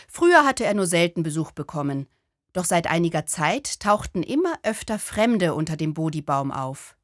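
A woman narrating a storybook audiobook in a calm, measured way. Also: on the low side, no echo, studio quality.

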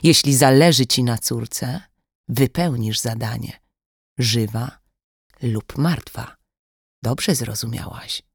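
A woman's voice: very deep voice, takes it slowly, long pauses, husky, no room sound, heavily acted. A narrator voicing a cold female kidnapper who mocks with a falsely sweet tone, in a dry audiobook recording. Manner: icy, mocking, falsely sweet. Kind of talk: audiobook dialogue.

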